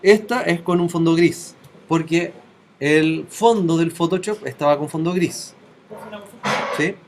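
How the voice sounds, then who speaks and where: A man, teaching in a classroom. He takes the software one step at a time and often stops to ask whether his students are following. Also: a little high, measured pace, background noise. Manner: talks step by step, checking in with students. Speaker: web design teacher.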